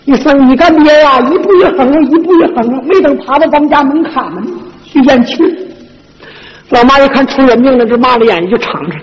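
A performer playing a sharp-tongued, bossy older village godmother in a comic folk stage duet, with a Northeastern Mandarin accent and a brash, scolding, gossipy way of telling stories. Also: high voice, fast, natural voice. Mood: scolding gossip. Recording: echoey stage, dull lo-fi sound, faint hiss.

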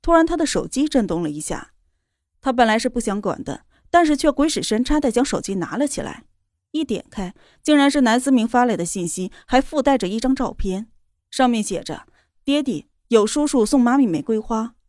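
A woman reading a romance novel aloud in a steady, even storytelling voice. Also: fairly high pitch, brisk, dry recording, studio quality. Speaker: narrator. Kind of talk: scripted novel narration.

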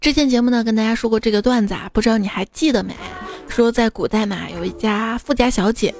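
A woman's voice: fairly high pitch, fast, a little mellow. Chatty woman telling jokes over music. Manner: chatty, laughs at her own punchlines. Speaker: host. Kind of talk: casual joke telling.

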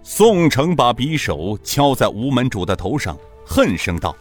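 A male storyteller narrates a martial-arts serial in a dramatic, rhythmic style. His pitch sits in the middle but swings widely, and faint music runs under him. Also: big pitch swings, a little slow.

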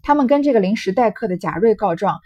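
A woman's voice: medium pitch, animated, quick pace, mellow, dry recording, muffled recording. A woman reading passages of a classic novel aloud and explaining them in a conversational way, with fillers and asides. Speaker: reader and commentator on a classic novel.

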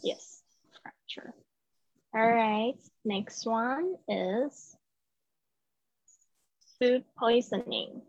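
A woman teaches English words over a video call, slowly and patiently correcting her student's pronunciation. Her voice is slightly husky and the audio is dry and dull, like a lo-fi online call. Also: medium pitch, fairly bright tone, dry recording. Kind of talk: live online vocabulary lesson.

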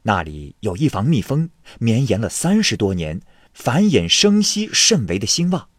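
Husky, expressive male storyteller. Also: lowish voice, moderate pace, dry recording, studio quality. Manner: expressive storytelling with vivid voices. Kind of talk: vernacular retelling of a classic ghost tale.

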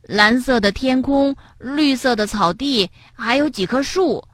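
A woman voicing a gentle young male frog in a storybook, speaking softly with sighs. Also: high-pitched, unhurried, no echo, clean studio sound, pitched above the performer's own voice. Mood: sad. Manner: soft and sighing.

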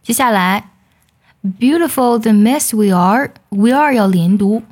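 A woman teaching English song lyrics, explaining each line patiently and singing phrases slowly to demonstrate. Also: fairly high pitch, a little mellow, soft background music.

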